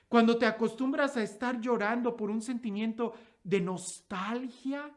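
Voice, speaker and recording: A woman preaching a daily Gospel reflection, asking repeated rhetorical questions and letting her voice sink low and soft at the end of phrases.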